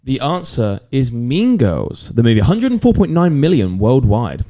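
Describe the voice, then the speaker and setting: A man's voice: medium pitch, big pitch swings, normal speed, warm tone. A man co-hosting a podcast, running quiz questions and chatting in a friendly, encouraging way. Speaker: co-host.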